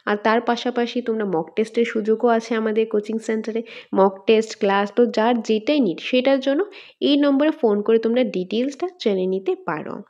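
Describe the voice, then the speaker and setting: A woman teacher with a Tripura Bengali accent giving an exam-prep lesson, asking questions and answering them herself and drawing words out slowly to show their syllables. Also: a little high, mellow. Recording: dull lo-fi sound.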